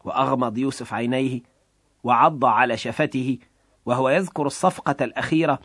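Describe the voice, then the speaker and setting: A man's voice: medium pitch, steady tone, a little fast, fairly bright tone, no echo. Earnest male story narrator, dry sound.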